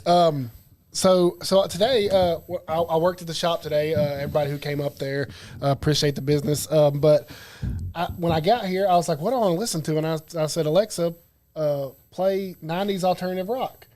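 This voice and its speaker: High-voiced rambling male co-host. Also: fairly even intonation, darkish tone. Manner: rambling, jokey, quick to laugh. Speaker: podcast co-host. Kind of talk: casual chat. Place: studio.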